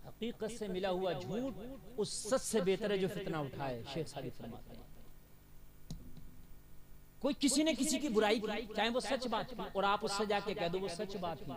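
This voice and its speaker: A man preaching a sermon at a religious gathering, moving from quiet conversational talk to loud chanted storytelling. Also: sits high, expressive, normal speed. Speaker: Islamic preacher. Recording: live gathering with crowd behind.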